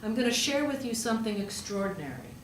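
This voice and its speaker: A woman with a fairly high, very animated voice speaks fast, delivering a conversational storytelling sermon full of rhetorical questions and emphatic repetition. She is a pastor who also works as a hospital chaplain. The recording sounds roomy and distant, with faint noise.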